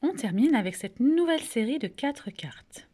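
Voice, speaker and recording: A woman teacher with a French accent leads a recorded phonics lesson for young children, pronouncing each word slowly and clearly, asking gentle questions and praising the answers. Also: high voice, sing-song. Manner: slow, clearly articulated, patient, coaxing questions and praise. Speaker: kindergarten teacher.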